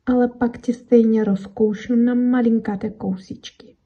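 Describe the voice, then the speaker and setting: A woman voicing a small mouse with itching teeth that must always gnaw something, speaking slowly, emphatically and matter-of-factly. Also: fairly high pitch, fairly even intonation, dark tone, breathy edge, muffled recording. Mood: blunt.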